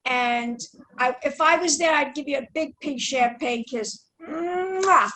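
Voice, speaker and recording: A woman's voice: sits high, measured pace, a bit bright, a little hiss or hum. A woman hosting an online show, talking to viewers in a theatrical, gushing presenter style. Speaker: online show host and interviewer.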